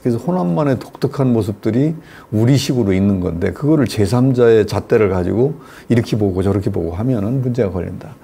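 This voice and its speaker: A man's voice: lowish voice, brisk, vocal fry, few pauses, warm tone, slightly rough. An older man giving a public lecture in a lecture hall. He talks in a chatty way, telling jokes and putting questions to the audience.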